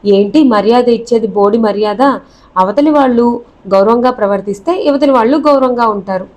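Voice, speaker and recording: A woman voicing a sharp-tongued young bride in a storybook reading, sarcastic and defiant. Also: a little high, moderate pace, lightly acted.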